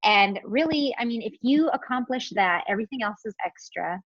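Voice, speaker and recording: A woman's voice: fairly high pitch, lively intonation, moderate pace, no room sound. A woman pastor hosting a casual panel discussion, explaining things in a chatty way with many fillers. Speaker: pastor and host. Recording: dull lo-fi, dry sound.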